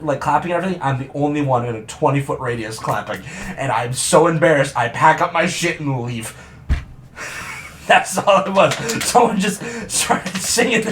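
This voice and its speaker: A man hosting a casual podcast, telling stories with lots of laughter and sudden loud outbursts. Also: on the high side, a little hiss or hum. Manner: animated storyteller, laughs often, bursts into loud acted quotes. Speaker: podcast host. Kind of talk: casual chat.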